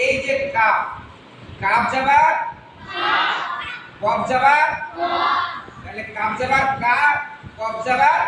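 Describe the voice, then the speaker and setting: A man teaching Arabic pronunciation in a madrasa classroom, quizzing pupils on letters and drawing out sounds slowly. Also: very high-pitched. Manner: drills letters with questions, slow drawn-out sounds. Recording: echoey classroom from far off, noisy.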